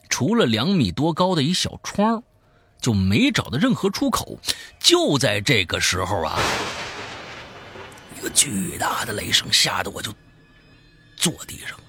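A man who hosts a show, telling a scary story in the first person, swinging from hushed to loud. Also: mid-range voice, husky. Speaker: host reading a listener's story.

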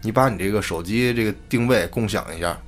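Brief: blunt cursing big brother type, voiced by the male storyteller, lowish voice. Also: fast, faint music behind, close to an everyday voice. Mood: urgent. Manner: brusque, swearing. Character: worried older cousin, brusque young man.

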